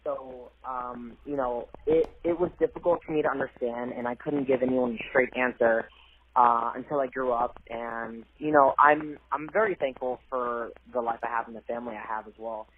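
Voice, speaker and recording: On a tinny phone line with a faint hiss, a young Cambodian college athlete speaks as a guest in an interview. His mid-range voice is steady, moderately paced, and breathy at the edges, and he comes across as soft-spoken and earnest, hesitating with fillers.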